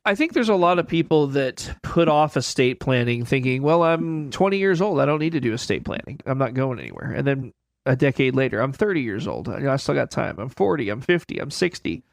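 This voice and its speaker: A man's voice: mid-range voice, very animated, fairly quick, creaky, dry recording, studio quality. A man giving financial advice on a radio show, plain-spoken and folksy, repeating his key points. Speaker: financial advisor guest. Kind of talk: conversational expert explanation.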